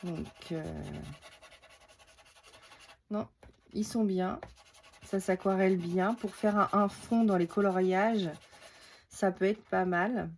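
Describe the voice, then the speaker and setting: A woman's voice: mid-range voice, darkish tone, slight background noise. A woman vlogging a casual craft haul at her table, thinking aloud with lots of hesitations as she demonstrates products. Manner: reads out product details while handling items.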